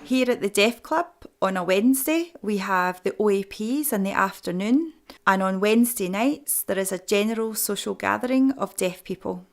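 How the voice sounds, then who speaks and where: A woman's voice: medium pitch, expressive, moderate pace. Woman doing a translation voice-over. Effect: translation voice-over for deaf signers. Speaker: sign language interpreter. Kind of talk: first-person interpreted speech.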